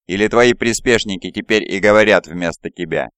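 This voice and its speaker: Sly scheming warlord, read by a deep-voiced man, smooth clear audiobook voice. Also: fairly quick, fairly bright tone, dry recording, natural voice. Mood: mocking. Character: scheming male primarch, sly and mocking. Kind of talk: audiobook character voice.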